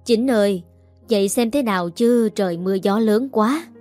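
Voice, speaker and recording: A woman's voice: medium pitch, moderate pace, a little mellow, faint music behind, close to an everyday voice. A woman voicing a grieving, poor-sighted old village grandmother who wails and pleads. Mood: worried. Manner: wailing, pleading.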